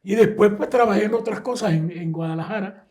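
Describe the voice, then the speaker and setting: An older Salvadoran man, a guest musician, tells stories in a casual interview with a Salvadoran Spanish accent. He speaks briskly in a high voice, a lively storyteller who acts out the people he quotes.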